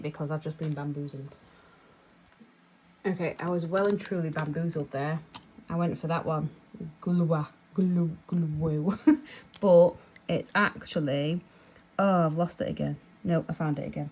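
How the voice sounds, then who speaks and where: A woman's voice: deep voice, steady tone, moderate pace, a little mellow, muffled recording. A young British woman chatting casually and rambling as she counts and sorts her cash. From United Kingdom. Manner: chatty, rambling, self-laughing. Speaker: vlogger.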